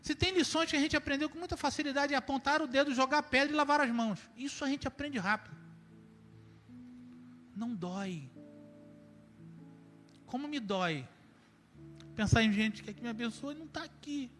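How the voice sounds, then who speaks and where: A man preaching a sermon, emphatic, moving between loud urging and quiet reflection. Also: very high voice, normal speed, long pauses. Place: church sanctuary. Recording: church hall with long reverb and faint music.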